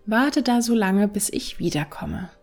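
A woman voicing a crafty wandering male fiddler in a storybook, calm and commanding with a gravelly edge. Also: mid-range voice, a little slow, soft background music.

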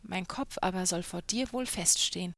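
A woman voicing a bold, clever young man who talks calmly and without fear in a storybook tale. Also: on the low side, moderate pace, no room sound. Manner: calm, bold. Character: fearless clever young male student, son.

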